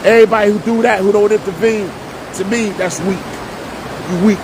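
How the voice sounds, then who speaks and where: A man's voice: steady tone, brisk. A middle-aged man from Jersey City, telling his life story in a casual vlog monologue, full of street slang and repetition. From Jersey City, New Jersey. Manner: streetwise slang, repeats himself for emphasis. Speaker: vlogger and preacher. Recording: loud rumbling noise behind voice.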